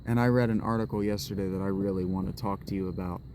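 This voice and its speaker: A deep, slightly mellow male voice moves at a quick pace with fairly even intonation, and a little hiss or hum can be heard. The vlogger holds his camera while walking in public, rambling, restarting his sentences, and musing aloud.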